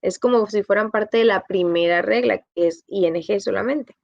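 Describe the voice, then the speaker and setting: A woman's voice: medium pitch, moderate pace, vocal fry, no room sound, muffled recording. Woman teaching English grammar patiently. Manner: patient, explains in Spanish and repeats in English. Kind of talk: bilingual grammar lesson.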